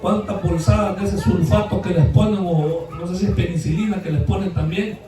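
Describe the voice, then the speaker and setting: A high-pitched man preaches in a church, mixing folksy anecdotes with loud, shouted bursts of praise. His voice rings through a very echoey hall. He sounds set back from the microphone. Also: fairly even intonation, a little fast, recorded from a distance, soft background music. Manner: folksy storytelling, rising to shouted exhortation. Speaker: pastor. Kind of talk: sermon. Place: church sanctuary.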